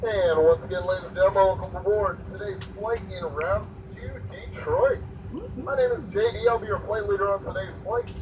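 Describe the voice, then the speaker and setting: A man making a formal, courteous in-flight announcement as lead flight attendant over an airplane cabin PA loudspeaker. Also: sits high, brisk. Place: airliner cabin before departure. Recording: distant PA heard over cabin engine noise. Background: aircraft engine and cabin hum.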